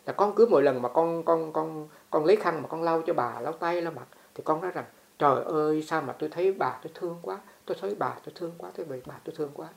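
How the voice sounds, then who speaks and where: Woman doing old bodhisattva teacher, calm and teaching, low gravelly voice. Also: fast, reverberant. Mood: instructive.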